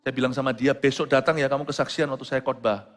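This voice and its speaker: A man pastor preaching a sermon, who moves between quiet storytelling and loud exclamations and drops English phrases into his talk. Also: mid-range voice, fairly even intonation, fast talker. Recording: long hall reverb with faint music.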